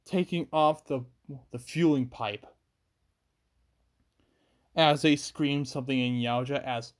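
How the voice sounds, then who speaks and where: A man narrates an improvised fan story at a slow, unhurried pace. His pitch sits in the ordinary middle range. He rambles through the action, restarting sentences and stacking one clause after another. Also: a little mellow. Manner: rambling, chains events with "as", frequent restarts.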